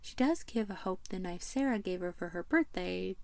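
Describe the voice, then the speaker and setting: A woman's voice: lowish voice, expressive, moderate pace, vocal fry, no echo. Woman rambling through a game story recap, playful and chatty, dry close sound. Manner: chatty and playful, fond asides. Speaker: video essay host. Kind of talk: casual game commentary narration.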